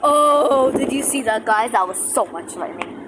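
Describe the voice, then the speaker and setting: A woman vlogging outdoors by her apartment in a thunderstorm, filming on a tablet, excitable and sarcastic. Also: a little high, moderate pace. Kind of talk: casual vlog narration while filming a storm. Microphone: tablet camera. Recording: tablet recording with loud rain noise.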